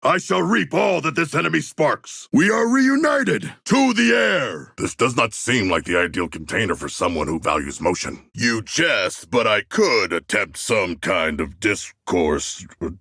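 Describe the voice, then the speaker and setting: A huge humanoid shark warrior from a video game, with a gravelly, forceful voice that swings widely in pitch. He speaks in stilted, formal phrases, proud and earnest about battle, in a dry, close recording. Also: sing-song, no echo, heavily acted. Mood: booming, rallying. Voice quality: gravelly, husky. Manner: grandiose, stilted formal diction, measured and deliberate. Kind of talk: video game character voice lines.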